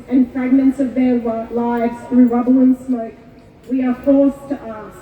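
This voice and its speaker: Solemn woman speaking at an outdoor rally. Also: sits high. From Kuwait. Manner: measured, solemn delivery. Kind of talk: prepared speech at a rally. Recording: echoey far-off PA with tinny sound.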